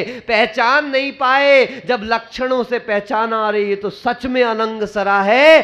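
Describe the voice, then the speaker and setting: A male monk preaches through a scripture story, slow and deliberate, his voice sitting high. He swings between loud declaring and hushed, grave lines, and asks his listeners questions. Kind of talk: sermon storytelling.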